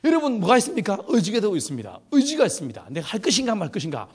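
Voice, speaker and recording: A man's voice: high voice, wildly swooping pitch, very fast, breathy edge. A middle-aged man preaching a humorous sermon at a youth retreat, telling stories with playful laughter. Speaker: pastor.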